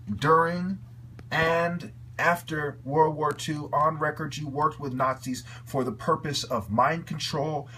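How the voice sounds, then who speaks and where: A man's voice: mid-range voice, pushed and bright, slight background noise. A man giving an angry, profane video rant, heated and repetitive in his delivery. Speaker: video commentator.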